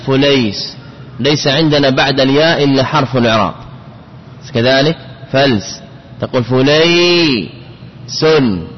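In a medium-pitched voice, a man leads a classical Arabic grammar lesson, drilling patterns by repeating words and drawing them out one syllable at a time. A long reverb hangs on his voice, like he's in a large hall, and the dull, lo-fi recording has a faint hiss underneath.

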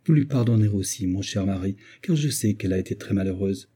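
A man reading the part of a gentle young wife and mother in a tender, pleading tone. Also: low-pitched, fast talker, slightly rough.

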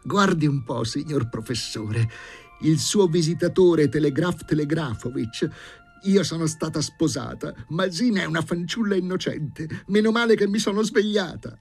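A man's voice: fairly high pitch, moderate pace, vocal fry, a little mellow, breathy edge, soft background music, voice pushed up. A man voicing an indignant, hefty middle-aged housekeeper who scolds shrilly.

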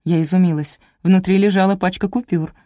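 A woman's voice: on the low side, fairly even intonation, brisk, mellow, no echo, clean studio sound. Woman narrating a wry detective audiobook. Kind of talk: scripted first-person narration.

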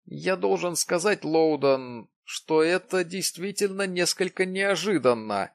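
A man voicing an excitable, insistent businessman in an audiobook, talking emphatically with raised pitch. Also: a little slow, creaky, no echo, studio quality, full character voice. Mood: pleading. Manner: emphatic, exclaiming. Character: excitable middle-aged businessman, pushy and insistent.

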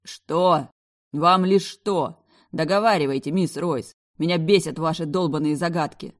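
A woman's voice: low voice, a little slow. Haughty sneering man, as a woman reader voices him. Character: arrogant mocking adult man, domineering bodyguard type. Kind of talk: audiobook character voice.

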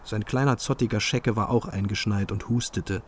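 A man narrating a radio drama in the first person, with a brooding, bitter manner and a husky voice. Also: fairly low pitch, fairly even intonation, moderate pace, a little hiss or hum.

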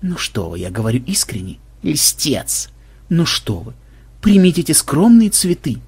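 A man voicing a young male programmer who talks eagerly and turns to sugary flattery. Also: fairly high pitch, measured pace, husky, heavily acted. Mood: flattering. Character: young male programmer, scheming and smooth-talking.

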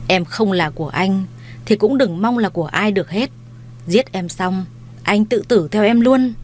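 A woman's voice: mid-range voice, normal speed, a little hiss or hum, close to an everyday voice. A woman voicing a desperate young man in an audio story, who pleads and then threatens. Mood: menacing. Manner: pleading, turning menacing.

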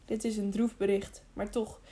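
A woman's voice: medium pitch, little pitch movement, normal speed, dark tone, lightly acted. A woman reading as a grave old hermit. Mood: solemn. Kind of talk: audiobook reading.

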